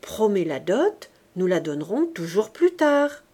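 A woman reading the part of a fierce, ambitious bourgeois mother who speaks in sharp, forceful outbursts. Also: medium pitch, very animated, a little slow, husky. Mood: persuasive.

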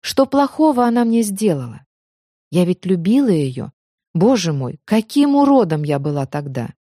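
A woman reads a first-person audiobook with feeling, her pitch rising and falling freely. Her tone is warm and mellow, and the close recording is dry with no room sound. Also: moderate pace, no echo. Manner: emotional, expressive. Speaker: audiobook narrator.

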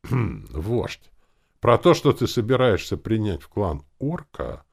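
A man's voice: fairly low pitch, big pitch swings, takes it slowly, gravelly, breathy edge, pitched above the performer's own voice, exaggerated voice. A man voicing a courteous but wary male druid who insists nervously. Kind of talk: audiobook character voice.

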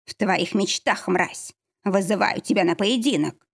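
A woman's voice: medium pitch, a little slow, creaky, breathy edge. A woman reading the lines of a furious male werewolf defending his wife, fierce and growling.

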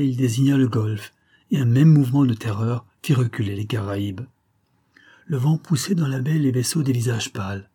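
Husky, mellow male audiobook narrator. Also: mid-range voice. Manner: measured, even storytelling. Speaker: audiobook reader. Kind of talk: scripted narration.

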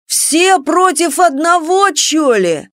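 A woman voicing a boastful teenage schoolboy bully who jeers in a drawn-out sing-song. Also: very high voice, sing-song, a bit bright, dry recording, studio quality, voice pushed up, heavily acted. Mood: jeering.

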